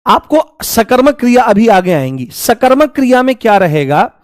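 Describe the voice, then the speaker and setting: Male teacher, fairly high voice, dry close sound, repeats examples and quizzes students. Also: very animated, normal speed, no echo. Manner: repeats examples, coaxing students with rhetorical questions. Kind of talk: online grammar lesson.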